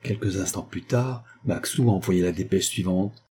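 Male audiobook narrator, lowish pitch, mellow tone, faint hiss behind, reads dialogue with slight lifts. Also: moderate pace. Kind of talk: scripted narration of a novel.

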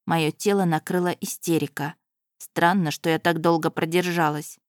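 A woman narrating a first-person audiobook in a measured, expressive storytelling manner. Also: fairly low pitch, dry recording, clean studio sound.

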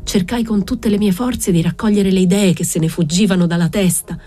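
Calm woman reading a novel aloud. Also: mid-range voice, no room sound. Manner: calm, measured literary reading. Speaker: reader.

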